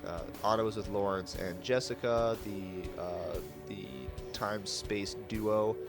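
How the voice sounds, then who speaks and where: Low-pitched dude recapping the last session, jokey, lots of uh. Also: male voice, steady tone, measured pace, over music. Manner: lots of "uh" fillers, joking. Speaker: player. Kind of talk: casual recap.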